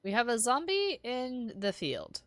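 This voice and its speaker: A woman's voice: a little high, wildly swooping pitch, measured pace, no echo, studio quality. A woman chatting casually and playfully while gaming on a livestream. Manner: playful, bantering. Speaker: livestream gamer.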